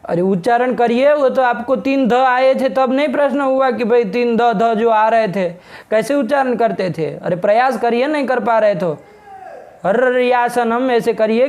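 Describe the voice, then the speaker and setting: Teaching Sanskrit grammar online, a middle-aged man with a very high, darkish voice sounds brisk and reproachful. He pushes a student to phrase his question properly.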